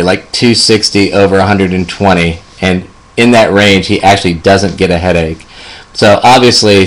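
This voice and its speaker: A man in his fifties, a hospice nurse, telling a personal story gently with many fillers. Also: low voice. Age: 50s.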